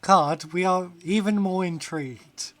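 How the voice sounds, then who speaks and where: On his game stream, this man talks in a high, unhurried, slightly bright voice. He rambles casually, laughs a lot and reads out messages from chat.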